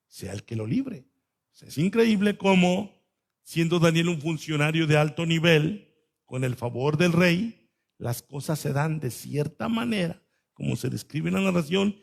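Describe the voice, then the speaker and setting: A man preaching a sermon, swinging between loud stresses and soft asides. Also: mid-range voice, creaky, husky. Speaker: pastor.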